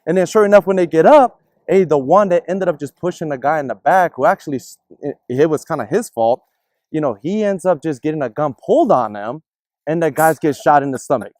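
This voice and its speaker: A man telling a personal story in casual discussion, animated and acting out the people in it. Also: on the high side, brisk, no echo, studio quality. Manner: animated, acts out other people's voices in his stories.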